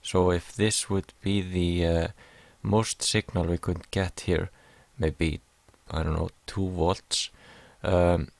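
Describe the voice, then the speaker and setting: A man's voice: deep voice, level tone, slow pace, creaky, no echo. A young man from Iceland, hesitantly explaining a class assignment over slides, with many fillers. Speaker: music production student.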